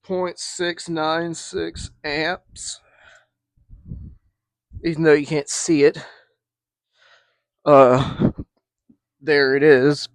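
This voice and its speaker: A man's voice: fairly high pitch, level tone, very slow, pauses often, smooth, no echo. A man hosting his own channel, casually demonstrating an old fan with rambling asides and restarts. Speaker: vintage fan collector channel host. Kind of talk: casual demo video narration.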